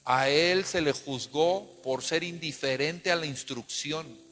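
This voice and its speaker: A man's voice: on the high side, slow pace, a bit bright. A man preaching a sermon as pastor, emphatic and calling the congregation to repeat after him. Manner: emphatic, calls for responses. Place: church. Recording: long church reverb.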